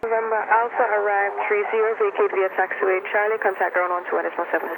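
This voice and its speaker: Heard through a headset on a hissing, lo-fi radio link, this male air traffic controller speaks in a high, level voice. His instructions come fast and clipped.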